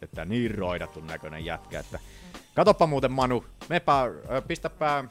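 A man co-hosting a podcast in casual chat, animated and swearing freely as he tells stories with acted-out voices. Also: mid-range voice, faint music behind. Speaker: podcast co-host.

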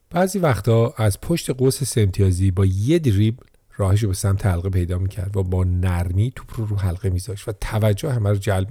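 A man reading an audiobook story in a steady storytelling manner. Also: lowish voice, no room sound, clean studio sound. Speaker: narrator. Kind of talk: audiobook narration.

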